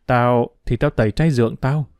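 A man voicing a quiet, hesitant runaway boy in an audiobook, speaking in short, subdued replies. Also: medium pitch, steady tone, normal speed, dry recording, clean studio sound, soft background music, lightly acted.

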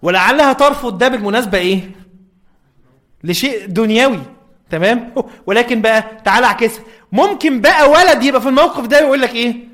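A man's voice: very high voice, quick pace, a bit bright. A man with an Egyptian accent giving an informal religious lecture, checking in with his listeners often. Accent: Egyptian Arabic.

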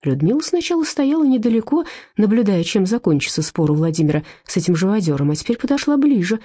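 A woman reads a story aloud with animated, expressive delivery. Her pitch moves a lot, her tone is dark and mellow, and her voice has a slight huskiness. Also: quick pace, no room sound, studio quality. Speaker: audiobook narrator. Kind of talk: scripted narration.

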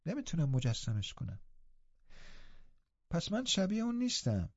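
A man voicing a frail, pale, sulky young boy who speaks softly and plaintively. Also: a little high, huge pitch swings, no echo, dull audio, voice pushed up. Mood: wistful, plaintive.

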